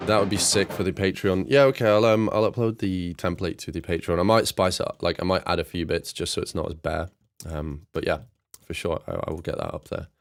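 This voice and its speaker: A man's voice: sits low, steady tone, brisk, creaky. A man producing music on a live stream, chatting casually with viewers and joking with dry sarcasm. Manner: dry sarcastic, laid-back, chats to viewers while working.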